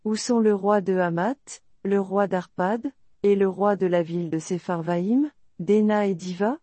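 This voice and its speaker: A woman reading the lines of a proud, threatening male king in a solemn, measured way. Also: mid-range voice, dark tone, dry recording, lightly acted. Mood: scornful.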